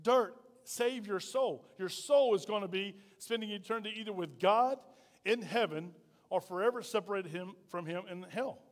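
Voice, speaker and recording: This pastor, a middle-aged man whose voice sits high, preaches at a moderate pace. His sermon to the congregation is emphatic and homespun, full of repeated rhetorical questions, and the sanctuary gives it a reverberant ring.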